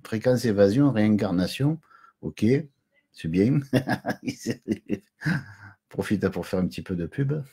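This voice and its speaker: A man's voice: fairly low pitch, lively intonation, takes it slowly, long pauses, dark tone, husky. A middle-aged man hosting a casual live stream from home, chatty and jokey, greeting viewers and chuckling often.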